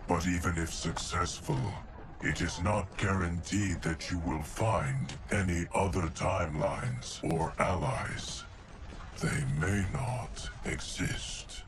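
A man playing a calm, solemn immortal guardian in a video game cutscene, speaking in a measured, formal and grave way. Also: low-pitched, noisy background. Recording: music under the voice.

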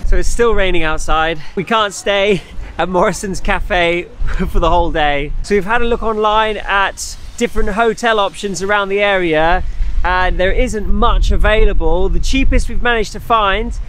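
A man's voice: high-pitched, moderate pace, fairly bright tone, slight background noise. Upbeat man vlogging on the road. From Britain. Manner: chatty, upbeat, addresses viewers as guys. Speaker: motorbike travel vlogger. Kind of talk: casual vlog narration to camera. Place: outdoors and in a cafe, on the road in rainy weather.

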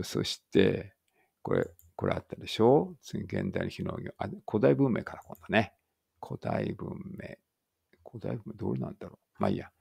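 A man with a low, gravelly voice runs a relaxed read-aloud English lesson. He thinks out loud and corrects himself as he goes, then reads each English line slowly and carefully. His voice sounds close and dry, with no room around it. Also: dry recording. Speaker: English teacher.

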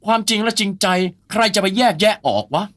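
Guy doing a bossy know-it-all buddy, high sharp voice, rattles off advice fast. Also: steady tone. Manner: brash, lecturing. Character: bossy scheming male friend giving advice. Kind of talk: fan dub of a comedy film.

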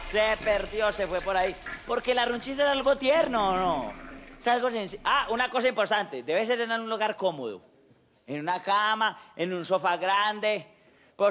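A man with a Colombian accent performing a stand-up comedy monologue, animated and slangy, acting out little scenes as he goes. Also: high voice.

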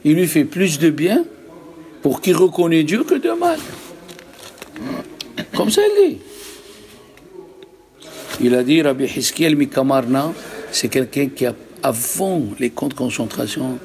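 A man's voice: a little high, unhurried, pauses often, a little hiss or hum. Emphatic man teaching a religious class. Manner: emphatic, rhetorical questions, lively storytelling. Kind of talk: Torah lesson to a live group.

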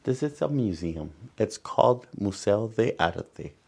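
In front of a wooden backdrop indoors, a San Salvador native in his forties hosts storytime with a Salvadoran accent, reading a picture book and explaining things to children. He sounds animated and unhurried, fairly low in pitch, creaky, a little mellow, with a breathy edge.

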